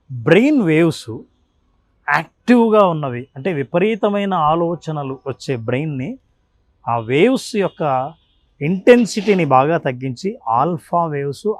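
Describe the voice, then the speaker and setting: ఆరుబయట ప్రశాంతంగా వివరించే పురుషుడు. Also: male voice, a little high, sing-song, measured pace. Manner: earnest, lists points one by one. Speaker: meditation mentor. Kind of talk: explanatory interview talk. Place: outdoors in nature.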